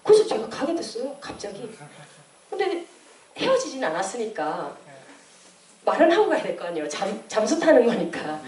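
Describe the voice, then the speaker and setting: A woman in her late twenties giving a personal testimony at church, telling her story in an animated way and acting out the voices she quotes. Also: on the high side, moderate pace, long pauses. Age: late 20s. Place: church hall. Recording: echoey room, distant mic.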